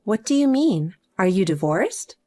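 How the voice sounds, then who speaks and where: A woman voicing a calm, self-assured adult younger sister who speaks matter-of-factly. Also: medium pitch, measured pace, voice pushed down. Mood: cool. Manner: cool and matter-of-fact.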